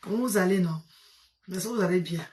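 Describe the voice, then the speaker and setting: A woman's voice: fairly low pitch, fairly quick, darkish tone, a little hiss or hum. A tired woman hosting a casual live stream, greeting her viewers one by one and fondly calling them mother and sister. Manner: affectionate, calls viewers maman and sister.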